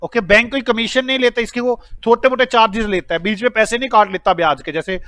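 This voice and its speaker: ऊँची आवाज़ वाला जोशीला पुरुष शिक्षक. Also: male voice, high voice, fast, dry recording. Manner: animated, acts out the characters' lines in a raised voice. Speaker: accountancy teacher. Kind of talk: lively classroom storytelling lecture.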